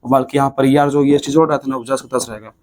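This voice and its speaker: Man, Bihari Hindi accent, teacher at a board, repeats points, drawn-out words, mid-pitched voice. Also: steady tone, darkish tone. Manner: repetitive, drills points, stretches words syllable by syllable. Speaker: English grammar teacher. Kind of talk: classroom lesson at a board. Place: classroom with a writing board.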